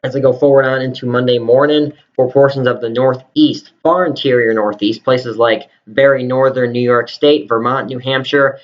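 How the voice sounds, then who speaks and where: A man works as a live storm forecaster, talking through radar in an improvised, explanatory way. His pitch sits in an ordinary middle range. The recording is slightly dull and lo-fi. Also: steady tone, normal speed, hardly any pauses. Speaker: live severe weather forecaster. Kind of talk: live weather radar commentary.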